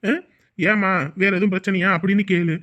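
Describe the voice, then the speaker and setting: A man's voice: high-pitched, steady tone, brisk, sharp tone. An actor playing a middle-aged village elder who gives patient advice and keeps asking if he is understood. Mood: advising. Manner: patient, advising, checks for agreement. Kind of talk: village family drama acting. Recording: dull lo-fi recording.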